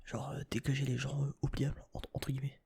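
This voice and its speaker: A man's voice: mid-range voice, level tone, fast, vocal fry, darkish tone, slightly rough. A young man whispering casual ASMR chat, hesitant and thinking aloud with many restarts and casual swearing.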